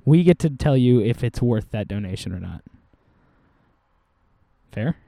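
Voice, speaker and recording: A man's voice: mid-range voice, animated, measured pace, creaky, warm tone, no room sound. A man co-hosting a casual podcast, joking and laughing often as he talks to a desk microphone. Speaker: podcast co-host. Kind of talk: casual chat.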